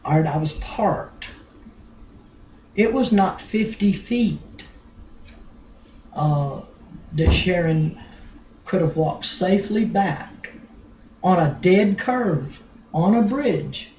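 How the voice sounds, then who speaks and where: An older grandmother telling a family story in a rambling, blunt way, with many pauses and restarts. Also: lowish voice, lively intonation, dark tone, slight background noise. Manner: blunt, earthy, with mild swearing. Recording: roomy home recording.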